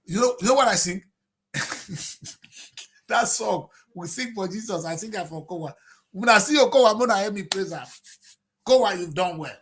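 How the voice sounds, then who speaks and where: Nigerian man, fifties, fairly high voice, fiery tv commentary, rhetorical, loud then muttering. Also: animated, normal speed, long pauses. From Nigeria (Delta State). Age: 50s. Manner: fiery and rhetorical, swings between shouting and low mutters. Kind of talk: impassioned political commentary.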